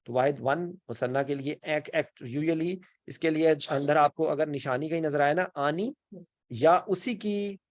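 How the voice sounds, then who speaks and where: A man's voice: a little high, no room sound. A man with a Pakistani Urdu accent gives an online grammar lesson in a slightly raised voice. He explains step by step, keeps checking in with his students and slips English words in. The recording is dry and close, with no room sound. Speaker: Quran and Arabic grammar teacher. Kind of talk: online class lecture.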